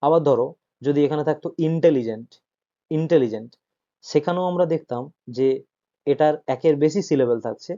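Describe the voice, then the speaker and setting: Male teacher, raised pitch, dull lo-fi sound, patient and repetitive, checks understanding. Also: a little fast, mellow. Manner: explains patiently, repeats points, checks understanding. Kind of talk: grammar lesson.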